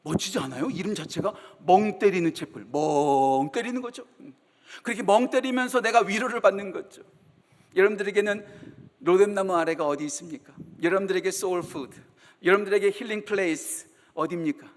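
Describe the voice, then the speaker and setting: A male pastor preaching a sermon in a church, talking like a conversation and moving between hushed asides and fervent emphasis. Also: high-pitched, fairly quick. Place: church sanctuary. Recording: reverberant church hall.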